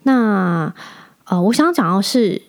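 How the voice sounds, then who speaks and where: Brief: Taiwanese-accented woman, 30s, podcast host, chatty and indignant, mid-pitched, slips in English words. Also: expressive, slow. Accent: Taiwanese Mandarin. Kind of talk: casual chat.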